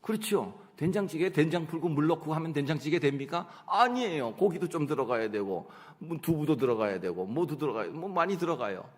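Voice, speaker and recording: A middle-aged man preaching a sermon, telling personal stories in an animated way and acting out his own prayers and conversations. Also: fairly high pitch, a little fast, hardly any pauses. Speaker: pastor. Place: church sanctuary. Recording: long church hall reverb.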